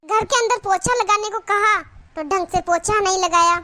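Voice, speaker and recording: A woman's voice: extremely high pitch, moderate pace, bright, forceful tone. A woman voicing a scolding, taunting middle-aged village mother-in-law in a cartoon. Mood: complaining. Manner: nagging, taunting. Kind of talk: cartoon voice acting.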